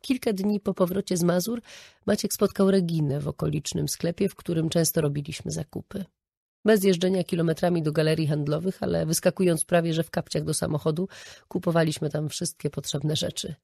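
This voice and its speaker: A woman narrating a novel in the first person, measured and reflective. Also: sits low, steady tone, creaky, warm tone, breathy edge, dry recording, clean studio sound. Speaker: audiobook narrator.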